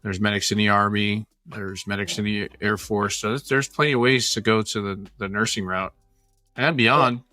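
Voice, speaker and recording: A man from American Samoa co-hosts a casual podcast. His rambling, joking talk is bright and forceful, set low in pitch. The sound is dry. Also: fairly even intonation, normal speed, no echo, soft background music. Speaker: podcast co-host.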